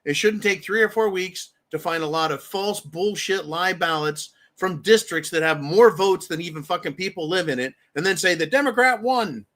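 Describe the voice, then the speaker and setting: A man with a notably high voice hosts a live stream. He talks in a blunt, profane rant and slips into quick impressions of the people he describes. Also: a bit bright. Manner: blunt, profane ranting, acts out quoted voices. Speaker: livestream host. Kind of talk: casual live-stream commentary.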